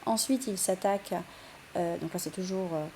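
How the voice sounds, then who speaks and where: A woman's voice: lowish voice, normal speed, a little mellow, slight background noise. A young woman teaching a recorded literature lesson, explaining step by step with frequent fillers and restarts.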